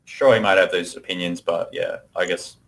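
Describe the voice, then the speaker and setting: A man with a very deep voice in a casual online voice chat. He hedges and agrees easily, trailing off in fillers as he goes. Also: fairly even intonation, moderate pace, creaky, fairly bright tone. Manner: hesitant, agreeable, filler-heavy. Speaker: voice chat participant.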